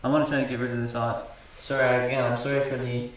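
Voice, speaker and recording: Casual male streamer in a garage, heavy doubled echo and a faint hiss, speaking in an even, level tone. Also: quick pace. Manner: rambling, self-correcting, apologetic about the audio. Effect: heavy doubled echo from two microphones at once. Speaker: live streamer with a repair channel. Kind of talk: casual live stream chat. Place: home garage. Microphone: desktop USB condenser mic plus camera mic. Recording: booming echo, distant mic, faint noise.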